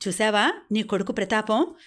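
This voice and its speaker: A woman's voice: mid-range voice, expressive, moderate pace, fairly bright tone, lightly acted. A woman reading the lines of a stubborn, domineering middle-aged father in a storybook reading, harsh and scolding.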